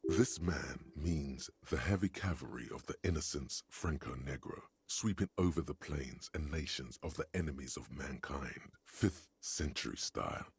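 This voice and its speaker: A man voicing a wry, deep-voiced game narrator with a husky, gravelly voice and a dry, descriptive delivery. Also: moderate pace, hardly any pauses, dry recording, full character voice. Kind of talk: video game voice acting. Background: faint game music.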